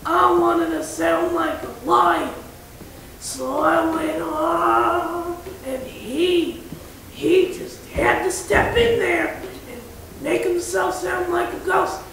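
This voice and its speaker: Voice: extremely high pitch, steady tone, takes it slowly, creaky, a bit bright, heavily acted. A performer voicing a cheeky, rebellious young lion who mocks his teacher and talks back. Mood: chatty. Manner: defiant, mocking, chatty. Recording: very echoey room, mic far off, faint hiss.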